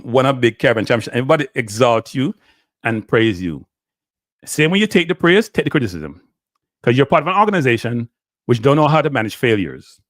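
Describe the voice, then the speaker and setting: Middle-aged Jamaican man, live-stream host, preachy and lively, patois slips, dry close sound. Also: mid-range voice, no room sound. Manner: animated, lecturing, slips in and out of patois, answers viewer chat. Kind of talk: ranting live stream commentary.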